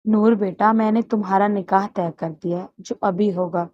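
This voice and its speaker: A woman's voice: mid-range voice, fairly even intonation, close to an everyday voice. A woman voicing a stern, loving old grandfather who heads the family, with a commanding manner in a dull, muffled recording. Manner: commanding, scolding, then tender.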